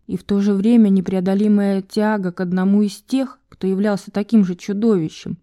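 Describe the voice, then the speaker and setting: A woman reading an audiobook in a scripted narration style, measured and expressive. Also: medium pitch, no echo, clean studio sound.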